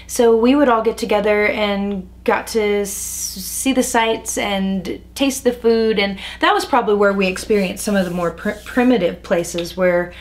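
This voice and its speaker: An American woman in her forties tells old stories in a relaxed, chatty way. She fills pauses with ums and laughs easily. Her pitch sits right in the middle. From United States. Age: 40s. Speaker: interviewee. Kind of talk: relaxed reminiscing conversation.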